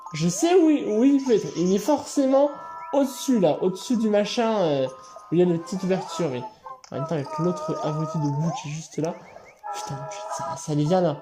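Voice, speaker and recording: A man doing let's play commentary, excitable, swearing and yelling at the game. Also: sits high. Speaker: gaming channel host. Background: game music.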